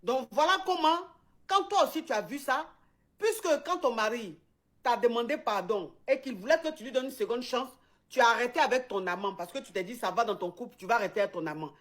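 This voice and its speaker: A woman's voice: fairly high pitch, expressive, fairly quick, a bit bright. A woman, hosting and retelling a viewer's story in casual chat, addressing the listener directly and repeating phrases for emphasis.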